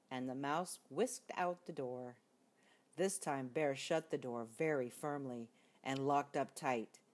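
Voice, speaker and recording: Sitting low with a darkish tone, an older woman's voice reads a children's storybook aloud. She is expressive and grandmotherly, placing deliberate emphasis on words.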